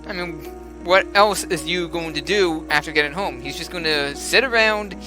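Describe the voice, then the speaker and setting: A man's voice: on the high side, normal speed, over music, poor audio. A young man commentating as he plays a story game, chatty and musing aloud with frequent laughs. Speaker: let's play gamer.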